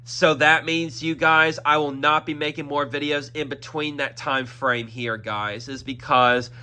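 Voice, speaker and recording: A man's voice: fairly high pitch, steady tone, measured pace, pushed and bright. A young man hosting his own YouTube channel, giving a rambling announcement with a congested throat, looping back on himself with "that is" and "y'all". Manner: repetitive, circles back with fillers like "that is" and "y'all". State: congested throat, occasional coughing. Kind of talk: rambling casual vlog announcement.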